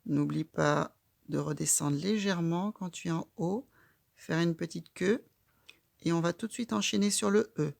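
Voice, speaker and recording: Her fairly low, gravelly voice moves at a moderate pace as she patiently and calmly guides a child, stroke by stroke, through a slow, step-by-step handwriting lesson. The sound is clean studio audio without echo.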